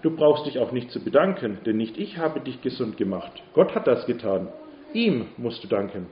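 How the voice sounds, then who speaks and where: A man voicing a calm, humble old prophet who speaks quietly and gently, in a dull, roomy recording with faint hiss. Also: medium pitch, normal speed, close to an everyday voice. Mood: gentle.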